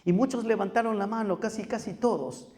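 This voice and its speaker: A pastor from Peru, speaking with a Peruvian Spanish accent in a high, slightly mellow voice, preaches briskly in a church hall. He repeats phrases for emphasis and poses questions to his congregation, with long hall reverb on the recording.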